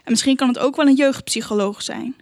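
A woman narrating an audiobook in a calm, measured, even reading voice. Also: high-pitched, no echo, clean studio sound. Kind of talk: scripted narration.

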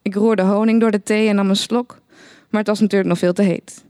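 Droog vertellende vrouwenstem. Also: female voice, medium pitch, fairly quick, no echo. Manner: dry, deadpan first-person narration. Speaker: narrator. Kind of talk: reading a satirical short story aloud.

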